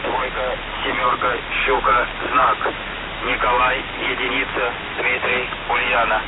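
A man reading out a coded message over a radio link, one word at a time in a slow, level, almost monotone voice. The sound is thin and tinny like a transmission, with steady hiss underneath. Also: medium pitch. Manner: flat, slow, measured dictation. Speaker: radio operator. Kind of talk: spelling out a coded message letter by letter.

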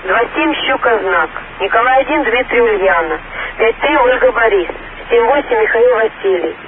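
Guy reading code over a radio, tinny and hissy, high voice. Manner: repetitive call-sign spelling with phonetic names. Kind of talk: radio operator reading out a coded message. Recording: tinny radio line with hiss.

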